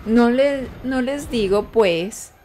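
A woman's voice: on the high side, slow pace, mellow, a little hiss or hum. A woman hosting a reaction video, gasping and exclaiming as she watches an episode.

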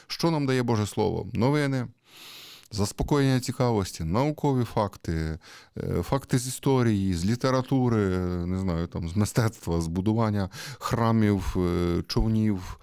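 A man giving a conversational sermon, asking rhetorical questions and pausing with hesitations. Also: on the low side, gravelly, a little mellow, dry recording, clean studio sound. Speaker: priest.

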